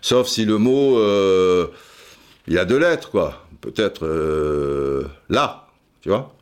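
A man's voice: low-pitched, animated, takes it slowly, clear, resonant tone. A man hosting a podcast, telling a rambling, digressive story with many restarts and asides. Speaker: podcast host. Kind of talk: casual storytelling monologue.

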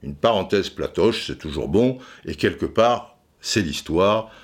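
A man's voice: deep voice, expressive, measured pace. A middle-aged man telling football history in a casual way, stumbling into frequent repeated words and fillers as he addresses the listener directly. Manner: many stammered repeats and fillers. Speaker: football storyteller. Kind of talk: casual spoken storytelling.

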